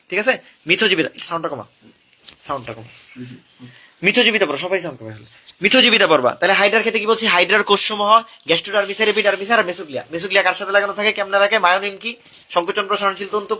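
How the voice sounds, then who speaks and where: Young guy coaching exam kids, super fast, high bright voice, keeps repeating stuff. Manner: rapid, repetitive drilling of topics to students. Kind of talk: live online exam review class.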